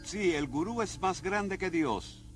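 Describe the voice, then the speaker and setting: A man's voice: high voice, animated, takes it slowly, soft background music. A man speaking earnestly in a dubbed documentary interview.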